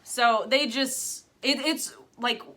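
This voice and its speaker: A woman's voice: fairly high pitch, takes it slowly, sharp tone, a little hiss or hum. A woman hosting a casual reaction chat, explaining things to her sister in a rambling way, full of fillers and restarts. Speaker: channel host explaining K-pop to her sister.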